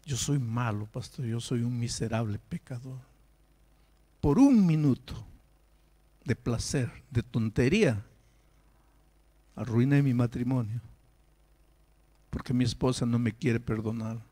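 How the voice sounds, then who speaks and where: A male pastor voicing a desperate, remorseful young husband who speaks quietly and pleads in a broken voice. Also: mid-range voice, unhurried, long pauses, close to an everyday voice. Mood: pleading.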